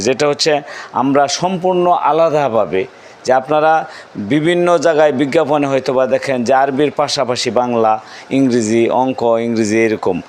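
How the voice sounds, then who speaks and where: A man's voice: medium pitch, a little hiss or hum. A man from Bangladesh, a madrasa principal, speaking informally to parents and often restarting and correcting himself. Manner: speaks plainly with frequent restarts and self-corrections.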